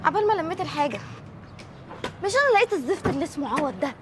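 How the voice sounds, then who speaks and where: An actress with an Egyptian accent playing an excited young woman sharing gossip. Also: high voice, rapid-fire, background noise. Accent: Egyptian Arabic.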